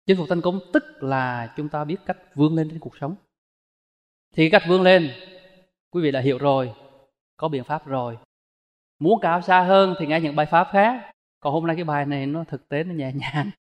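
A man's voice: on the high side, moderate pace, pauses often. A man, a Buddhist monk giving a dharma talk in a folksy, storytelling way full of rhetorical questions. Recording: long hall reverb.

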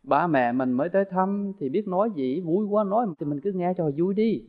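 High-voiced monk preaching. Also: male voice, a little fast. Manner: animated, acts out everyday dialogues. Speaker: Buddhist monk teacher. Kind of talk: Buddhist dharma talk. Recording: echoey hall, dull lo-fi sound.

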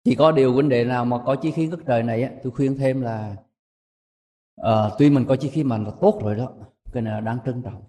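A man giving a measured, emphatic dharma talk to a monastic assembly, rising high to stress his points. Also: mellow, long reverb tail. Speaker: Buddhist monk teacher.

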